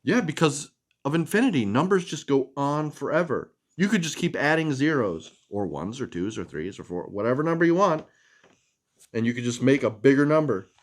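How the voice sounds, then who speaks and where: Reading picture books to kids with lots of expression, a man running a children's storytime also breaks off for casual chat to explain things. He speaks at a normal speed in a mid-range, expressive voice.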